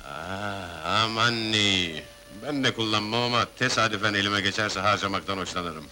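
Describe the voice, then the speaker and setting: A sharp, forceful and fairly low male voice. He is a streetwise film character, exasperated and sardonic, grumbling and teasing in colloquial phrases. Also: normal speed. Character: exasperated, sardonic streetwise man helping a drunk girl. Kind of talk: dramatic film dialogue.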